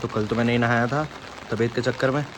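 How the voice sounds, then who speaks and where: A man's voice: medium pitch, fairly even intonation, fast talker, background noise. A young man vlogging and telling a story in a casual, chatty way, mixing in English phrases. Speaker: fitness vlogger.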